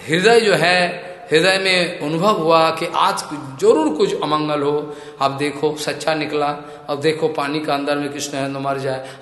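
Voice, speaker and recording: Slow-speaking man in an echoey temple hall. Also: fairly high pitch, a bit bright. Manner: chants scripture verses between storytelling explanations. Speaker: spiritual teacher giving a scripture discourse. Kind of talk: devotional sermon. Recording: echoey hall with long reverb.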